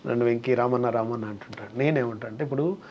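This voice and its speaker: A man's voice: mid-range voice, fast, lo-fi sound, a little hiss or hum. A man, a comedian and mimic, talking in a casual interview and acting out quoted voices as he tells stories.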